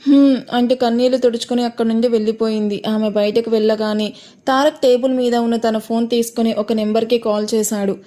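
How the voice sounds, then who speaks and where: A woman's voice: a little high, little pitch movement, a little fast, mellow. Woman narrating a romance audio story.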